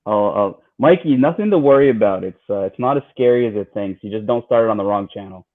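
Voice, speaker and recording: Low-voiced man on a tinny line. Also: fast talker. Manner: relaxed, chatty, many fillers and repeats. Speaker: livestream co-host. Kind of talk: casual livestream chat.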